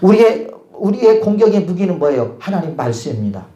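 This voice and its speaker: A man's voice: sits high, very animated, fairly quick, dark tone, dull audio. A middle-aged male pastor preaching a sermon, constantly asking his congregation rhetorical questions.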